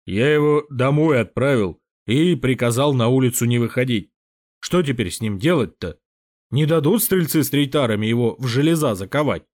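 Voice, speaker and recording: A man voicing an agitated elderly prince who shouts in a cracking voice, in an audiobook. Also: medium pitch, animated, normal speed, natural voice. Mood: worried. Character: agitated elderly Russian prince, old friend. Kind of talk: audiobook character voice.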